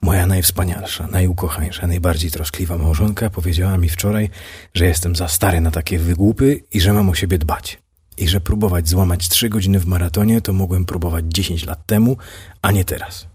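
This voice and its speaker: A man voicing a tired, sheepish husband in his fifties who answers his wife quietly. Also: low voice, fairly even intonation, a little fast, breathy edge. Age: 50s. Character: worn-out fifty-one-year-old husband, sheepish.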